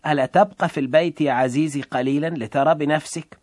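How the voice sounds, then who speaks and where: A man reading aloud a patient, gentle wife in a radio story. She answers softly and tenderly. The recording is dry and close. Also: a little high, fairly even intonation, quick pace, dry recording, natural voice. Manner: warm, tender and soft.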